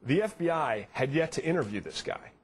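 A man's voice: fairly high pitch, expressive, slightly rough. A man in his thirties, a TV host, giving an earnest, detailed account in a live studio news interview. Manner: earnest, quick, piles on details. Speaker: guest TV host reporting on a case.

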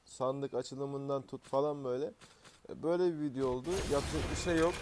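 A man's voice: mid-range voice, background noise. A man hosting casual gameplay commentary, talking in an exasperated, grumbling and slangy way while he plays. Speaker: gaming channel host.

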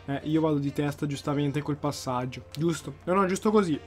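High-voiced excitable young man gaming. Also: fairly quick, faint music behind. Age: young, still in school. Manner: excitable, repeats phrases, bursts into shouting at goals. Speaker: gaming YouTuber. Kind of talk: live football video game commentary. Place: home at night.

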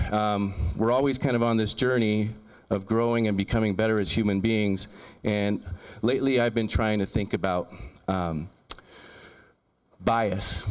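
A man's voice: fairly low pitch, clean tone. A man in his thirties giving an earnest keynote talk with a handheld mic in a large lecture room, often restarting and repeating words as he lists ideas. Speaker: keynote speaker. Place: large lecture room, in front of a projection screen. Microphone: handheld microphone.

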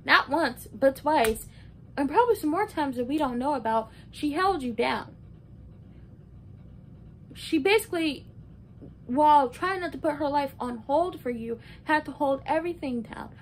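Her intonation is lively and her pace a little slow. She's a woman in her early twenties, vlogging a casual, emphatic and opinionated recap from a small bedroom indoors, where a low rumble fills the noisy room.

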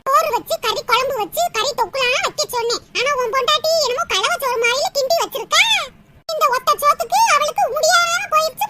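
A woman's voice: very high-pitched, recorded from a distance. A woman voicing a nagging, scolding middle-aged mother-in-law in a cartoon. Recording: loud background noise.

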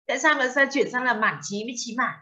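A woman's voice: on the high side, fast talker, bright, forceful tone. A woman teaching a translation class, questioning students and explaining terms with foreign words mixed in. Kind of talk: classroom lecture. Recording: dull lo-fi sound.

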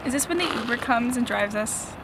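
A young woman with a high voice tosses off short teasing quips to her friends outdoors. Loud traffic and wind noise fill the recording. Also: expressive, fairly quick. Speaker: friend on a sightseeing trip. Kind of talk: casual chat among friends. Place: outdoors at a scenic overlook by a bridge.

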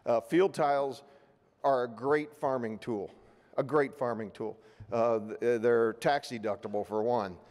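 A man's voice: medium pitch, fairly even intonation, unhurried, a little mellow. A middle-aged man from Ohio moderating a panel at a podium, plain-spoken with many fillers and restarts. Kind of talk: public panel remarks. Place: large hotel ballroom meeting. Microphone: podium microphone. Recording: long reverb of a big hall.

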